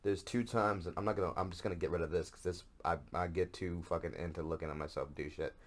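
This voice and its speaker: A man's voice: low-pitched, fairly even intonation, fast. A man hosting a podcast, talking in a profane, self-mocking, rambling comic monologue. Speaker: podcast host.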